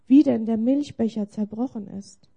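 A woman voicing a gentle, tender Jesus. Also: fairly high pitch, normal speed, vocal fry, slightly rough, dull audio. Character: gentle, kind adult Jesus, male.

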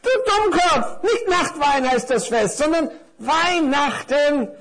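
Guy doing a tiny squeaky tie in a storybook, jaded know-it-all, way up high and bouncy. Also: lively intonation, a little slow, fairly bright tone, heavily acted. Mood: exasperated. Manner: squeaky, exasperated, lecturing. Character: small know-it-all gift-wrapped tie, male, jaded.

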